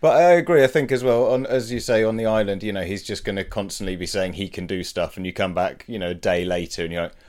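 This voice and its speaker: A man's voice: on the low side, fast talker, hardly any pauses, darkish tone. A man hosting a podcast, chatting casually in a wry, rambling way and laughing often. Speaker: podcast host.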